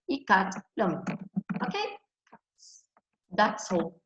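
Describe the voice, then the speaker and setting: A woman's voice: mid-range voice, expressive, extremely slow, fairly bright tone. Woman teacher, explaining, keeps asking "ok?", roomy lo-fi recording, faint hiss. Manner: explains in Spanish, tags most lines with "ok?". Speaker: English teacher. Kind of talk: recorded online class explanation. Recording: echoey room, dull lo-fi sound, faint hiss.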